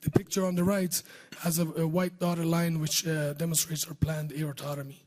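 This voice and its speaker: A man with a hoarse voice that is giving out, speaking close to the microphone as he presents surgical research in a scripted talk. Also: fairly high pitch, little pitch movement, normal speed, a little mellow. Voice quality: husky voice giving out. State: hoarse, losing his voice. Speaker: surgeon presenting research at a medical conference. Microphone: speaking close to a podium microphone.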